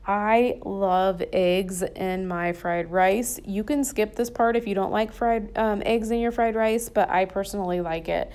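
A woman's voice: medium pitch, fairly even intonation, measured pace, few pauses, a little mellow, smooth. A woman narrating her home cooking in a chatty, enthusiastic, folksy way over a recorded voice-over. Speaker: cooking vlogger. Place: home kitchen.

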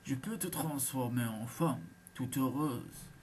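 Man putting on a solemn male tree spirit for a storybook tale, deep and slow, mellow tone, faint hiss behind. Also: lightly acted. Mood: grave.

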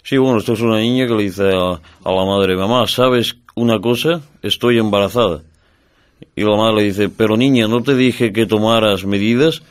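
A man telling a short joke casually in a loud, steady way. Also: lowish voice, normal speed. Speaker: joke teller.

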